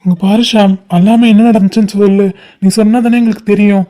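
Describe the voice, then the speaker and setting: A voice actor playing a worried young male friend in an animated comedy-drama, pressing urgently for answers. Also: mid-range voice, fast, natural voice. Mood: coaxing. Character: young man, worried friend, pushy questioner. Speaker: cartoon character.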